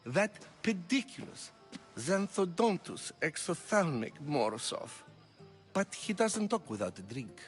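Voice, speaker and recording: A vain, pompous old-world dramatist. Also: male voice, fairly high pitch, big pitch swings, a little slow, soft background music. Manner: pompous, self-admiring, grand. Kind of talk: video game character dialogue.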